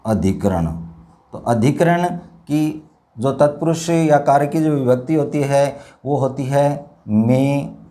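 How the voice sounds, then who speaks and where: A man teaching a Hindi grammar lesson, explaining step by step, repeating words slowly and addressing his viewers as dear children. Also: mid-range voice, warm tone. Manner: slow, repetitive explanation with drawn-out words. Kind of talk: classroom lesson.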